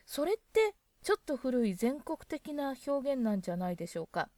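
A woman's voice: high voice, sing-song, a little fast, a little mellow, no echo. A woman presenting a casual spoken lesson, chatting and musing aloud as she acts out example lines.

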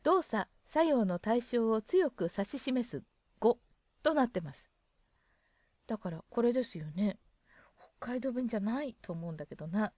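A woman gives a relaxed spoken lesson in a higher, very lively voice that rises and falls a lot. She muses aloud between points and acts out little example lines. The sound is dry and close, with no room around it. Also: moderate pace, no room sound. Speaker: dialect lesson presenter.

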